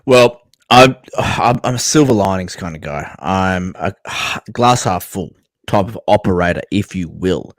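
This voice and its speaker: A man with a low voice hosts a sports podcast. He talks in loose, sweary slang like he's among mates, recorded close and dry. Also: a little slow, dry recording. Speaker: podcast host. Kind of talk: casual sports podcast banter.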